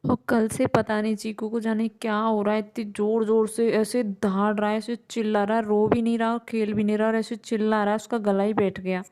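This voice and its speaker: Tired mom vlogger, even and mellow, rambles through chores in a home kitchen. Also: female voice, mid-range voice, fairly quick, hardly any pauses. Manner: rambling, talks on while doing chores. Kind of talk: casual chatty home vlog narration.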